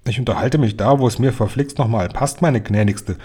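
A blustering middle-aged hotel guest who bellows and grumbles at everyone, as a man reading a storybook puts him on. The voice sits dark and a little husky. He is irritable and pushy in every sentence. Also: medium pitch, lively intonation, fairly quick.

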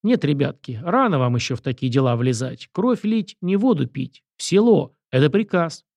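A man's voice: mid-range voice, big pitch swings, moderate pace, creaky, a little mellow, no room sound. A man voicing a firm, decisive young prince who gives orders in a commanding way.

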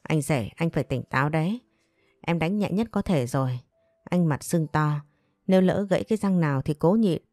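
A woman voicing a cheeky, defiant young man, in a low, dark voice. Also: animated, moderate pace, no echo.

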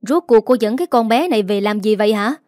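A woman's voice: medium pitch, expressive, fast, a little mellow, no echo, studio quality, close to an everyday voice. A woman reading the lines of a sour, spiteful old mother-in-law in an audiobook story. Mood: scornful.

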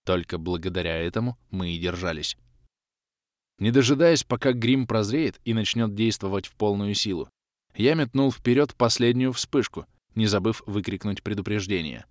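A man narrating a first-person fantasy adventure, lively and shouting out the dialogue lines. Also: fairly low pitch, normal speed, no room sound, studio quality. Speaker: audiobook narrator. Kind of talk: scripted narration.

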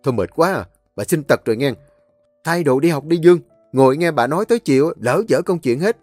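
A man playing a gruff, dismissive middle-aged husband. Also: mid-range voice, big pitch swings, fast, darkish tone, dry recording, soft background music, voice pushed up, close to an everyday voice. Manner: dismissive, curt.

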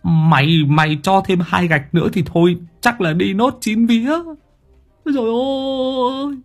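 A man's voice: medium pitch, very animated, takes it slowly, breathy edge, soft background music, heavily acted. A man voicing a middle-aged male thug who stammers frantically. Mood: panicked.

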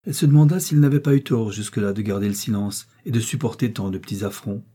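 A man narrating a classic novel as an audiobook, in a measured, even storytelling manner. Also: lowish voice, breathy edge.

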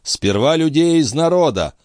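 Male reader doing a pompous, declaiming young surgeon, voice pitched up. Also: expressive, moderate pace, a little mellow, no echo, studio quality, close to an everyday voice. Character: young surgeon, categorical and self-important.

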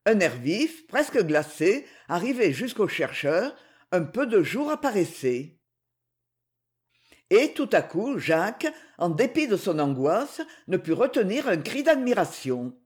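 A man narrating an adventure novel as an audiobook, in an expressive, dramatic reading. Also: high voice, a little slow, slightly rough.

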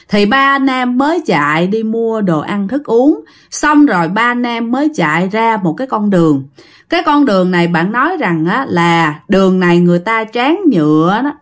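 Here a medium-pitched woman with a Southern Vietnamese accent chats her way through a ghost story, regularly speaking right to the people listening.

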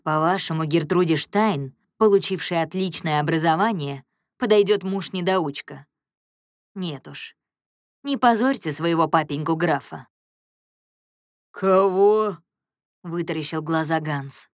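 A woman narrating an audiobook, giving the characters their own voices with higher pitch and more volume. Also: no echo, clean studio sound.

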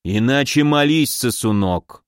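A man voicing an arrogant, powerful middle-aged prince and mage who talks slowly and gruffly, commanding and irritable. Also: mid-range voice, animated, no echo, clean studio sound, natural voice. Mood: menacing.

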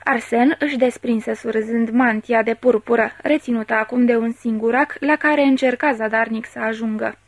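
A woman reading a classic novel aloud as an audiobook narrator, measured and expressive, voicing the dialogue. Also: a little high, dry recording. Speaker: audiobook reader.

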